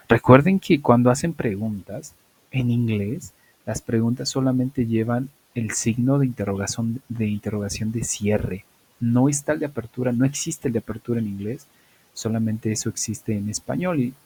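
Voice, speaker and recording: Husky man teaching English. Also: on the low side, dark tone, rough recording. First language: Spanish. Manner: patient, explanatory, with fillers and self-corrections. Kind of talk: online class explanation.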